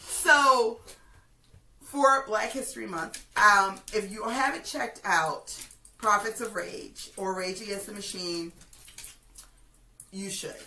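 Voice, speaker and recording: Bright, sharp-voiced woman in an echoey room. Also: mid-range voice, slow pace. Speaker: host of a music review video. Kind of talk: casual opinionated chat. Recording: roomy, distant mic, faint noise.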